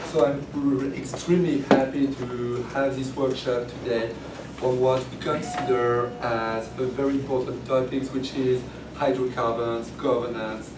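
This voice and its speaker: A research professor with a hoarse, grating, medium-pitched voice reads formal opening remarks at a workshop, his delivery halting with frequent stumbles and self-corrections. The indoor room is echoey and noisy, and the microphone sits far from him.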